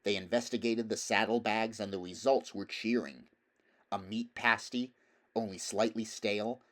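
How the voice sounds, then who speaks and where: A man with a fairly low voice reads scripted prose from a storybook, narrating it as an audiobook reader would.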